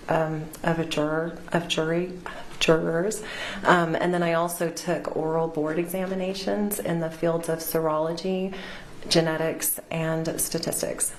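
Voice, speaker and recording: A middle-aged woman gives measured, precise expert testimony from a witness stand microphone, heard in a courtroom recording. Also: deep voice. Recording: roomy courtroom sound with faint hiss.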